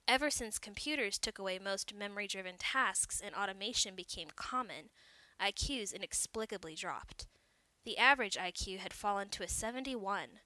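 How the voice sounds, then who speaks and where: A woman narrating a short story in a clear, measured storytelling manner. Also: medium pitch, bright, forceful tone, no echo.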